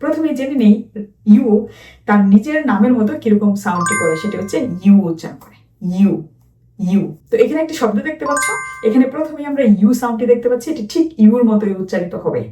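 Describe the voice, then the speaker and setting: A woman teaching children letter sounds, repeating each sound slowly and clearly, step by step. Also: fairly high pitch, animated, over music. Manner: slow, drawn-out repetition of letter sounds. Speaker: phonics teacher. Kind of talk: children's phonics lesson. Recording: roomy echo, distant from the mic.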